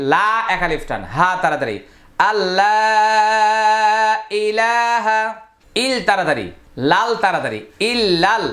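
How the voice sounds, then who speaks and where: A man teaching Quran reading, spelling out syllables slowly and then chanting the words in long, drawn-out recitation. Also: high voice, fairly bright tone. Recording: roomy echo.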